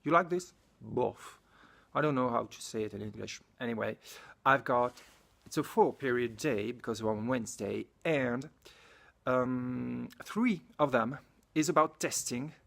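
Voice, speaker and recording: A man's voice: mid-range voice, unhurried, gravelly, a bit bright. A French man, a science teacher, chatting casually to camera in his school lab, often searching for English words and correcting himself. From France. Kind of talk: casual vlog talk to camera.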